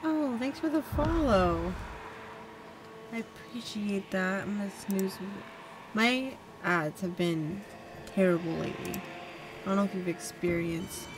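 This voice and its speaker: A woman livestreamer chatting casually and commenting on a game as she plays. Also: fairly low pitch. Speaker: game streamer. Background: game music.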